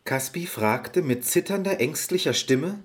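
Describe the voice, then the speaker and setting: A man narrating a fairy-tale audio story in an expressive storybook manner. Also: fairly high pitch, unhurried.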